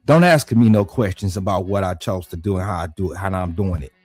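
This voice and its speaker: A man talks straight into the mic in a dry, close room, faint music playing low behind him. His delivery is blunt and combative, built on one rhetorical challenge after another. His voice climbs high when he gets heated. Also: brisk, darkish tone, no echo. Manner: voice rises high when worked up. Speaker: dog breeder and channel host. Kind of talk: heated casual monologue.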